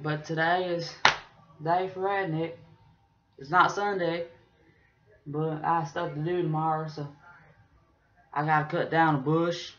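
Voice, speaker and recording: Casting: young man as opinionated backwoods redneck vlogger, high-pitched rural drawl, rambling casually, dull lo-fi webcam sound. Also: a bit bright. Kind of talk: casual vlog rambling in character. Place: small bedroom, indoors. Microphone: webcam or laptop mic at arm's length.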